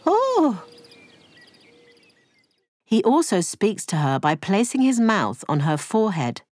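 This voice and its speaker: A woman narrating a cartoon story in a scripted, clear storybook manner. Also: mid-range voice, sing-song, moderate pace, a little mellow, no room sound, clean studio sound.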